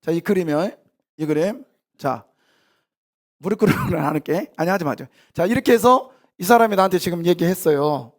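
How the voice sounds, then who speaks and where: Man, pastor, high voice, conversational sermon, church sanctuary, animated, banters with congregants. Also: moderate pace. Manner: animated, questions the congregation directly; casual, half-informal banter with congregants. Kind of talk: conversational sermon with live demonstration.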